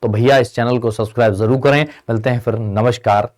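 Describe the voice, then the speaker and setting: A man's voice: medium pitch, fairly even intonation, brisk, darkish tone. A man teaching a Hindi grammar lesson for exam preparation, asking the students questions and answering them in their voice, and calling his listeners friend and brother. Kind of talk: online exam-prep lesson.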